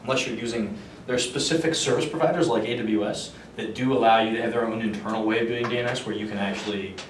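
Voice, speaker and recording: Guy with a lowish voice doing an informal tech q&a, thinks out loud, far from the mic in a rumbly room. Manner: halting, thinking aloud. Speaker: engineer giving a technical talk and answering questions. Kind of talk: informal technical explanation with questions. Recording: roomy, far microphone, noticeable low rumble.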